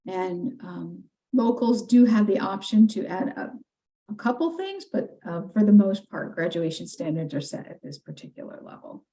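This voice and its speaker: A woman gives a committee briefing in a mellow, darker-toned voice. She explains steadily and leans on frequent fillers as she goes. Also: mid-range voice, low-quality recording. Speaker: legislative staff presenter.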